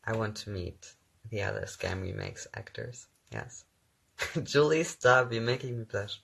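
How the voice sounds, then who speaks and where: An unhurried young man with German as his first language speaks in a low, creaky, slightly rough voice that's fairly bright and swings widely in pitch. He's an actor hosting his own phone livestream, casually reading and answering viewer questions with ums and easy laughs.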